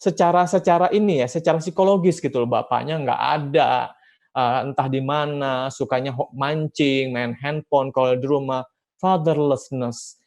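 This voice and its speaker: A man's voice: mid-range voice, fairly even intonation, moderate pace, a little mellow. A man giving an educational talk to parents and teachers, emphatic, asking rhetorical questions and acting out short quotes. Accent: Indonesian.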